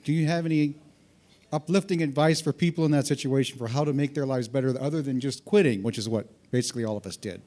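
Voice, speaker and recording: A man's voice: mid-range voice, fast, dark tone. A man in the audience asking an earnest, slightly hesitant question at a talk.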